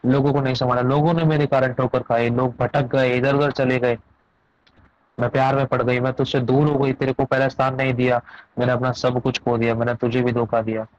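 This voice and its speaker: A man's voice: mid-range voice, flat delivery, brisk, a little mellow, no echo, close to an everyday voice. A man preaching voices a repentant woman preacher who pleads through a list of confessions. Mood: pleading. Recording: dull lo-fi dry recording.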